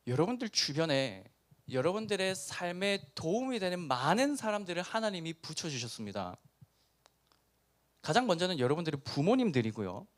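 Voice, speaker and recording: A middle-aged pastor from Busan, speaking with a Busan dialect and preaching a lively youth sermon that acts out the story's characters. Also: male voice, on the high side. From Busan, South Korea. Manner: animated storytelling, acting out characters.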